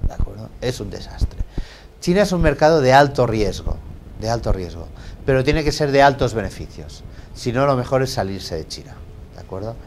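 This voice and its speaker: Brief: male lecturer, small seminar room, engaging, constant check-ins with listeners, mid-pitched voice, loud and quiet phrases alternating. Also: slight background noise. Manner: asks rhetorical questions, checks in with "¿de acuerdo?"; lively, shifts between loud and quiet phrases. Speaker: guest lecturer at a business talk. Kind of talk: business lecture to a small audience.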